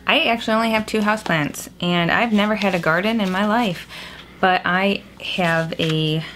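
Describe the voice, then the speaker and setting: Recorded in a small, cave-echoing room at home with clear background noise, a young woman casually discusses her book haul for a vlog. Her voice is mid-range and a bit bright, with a moderate pace.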